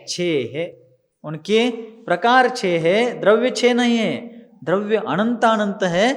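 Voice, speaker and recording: High-voiced, slow-spoken male scripture teacher. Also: a bit bright. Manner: drills pronunciation word by word, patient and explanatory. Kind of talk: slow teaching of a religious text.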